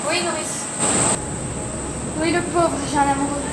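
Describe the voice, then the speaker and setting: A woman's voice: high-pitched, fairly even intonation, measured pace, noisy background. A schoolgirl playing a defiant young princess. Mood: earnest. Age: teens. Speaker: student actor. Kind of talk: school stage play. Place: theatre hall. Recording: echoey hall from far off, loud insects.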